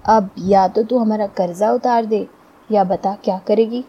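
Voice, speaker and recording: A woman voicing a rough male gambler who taunts and swaggers while reading a story aloud. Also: mid-range voice, steady tone, measured pace, mellow, dull audio. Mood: taunting.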